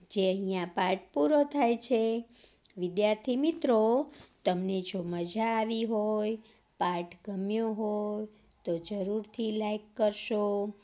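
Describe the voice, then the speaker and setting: Slow-paced woman teacher explaining. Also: medium pitch, darkish tone. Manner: slow explaining, restating each point in simpler words. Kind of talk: explaining a textbook lesson.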